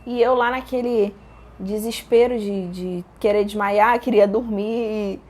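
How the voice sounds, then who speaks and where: A young Brazilian woman casually telling a personal story, acting out her own shouted lines with laughter. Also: medium pitch, a little slow. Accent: Brazilian Portuguese. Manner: animated, acts out quoted shouts with laughter.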